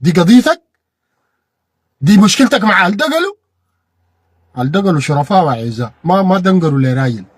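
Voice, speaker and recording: Fiery fast-talking Sudanese man, husky. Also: sits high, big pitch swings, no room sound, studio quality. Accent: Sudanese Arabic. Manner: fiery, repeats phrases, bursts into shouted peaks. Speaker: political commentator. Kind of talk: impassioned monologue.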